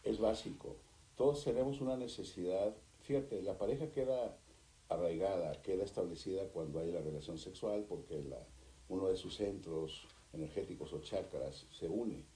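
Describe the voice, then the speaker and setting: A man's voice: sits low, echoey room, poor audio. A man, a therapist and author talking animatedly as a guest in an interview. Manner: animated, acts out couples in quick voices. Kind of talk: conversational interview.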